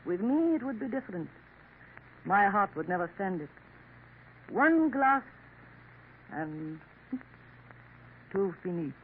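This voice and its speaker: In a tinny, faintly hissing 1950s radio drama, a woman voices a scheming, worldly café woman from Paris. She speaks slowly with long pauses and big pitch swings at medium pitch, slyly coaxing and knowingly dropping French endearments.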